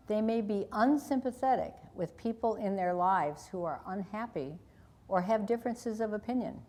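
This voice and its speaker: A woman author reads aloud from her own parenting book in a measured, calm manner. Her voice sits at an ordinary mid pitch.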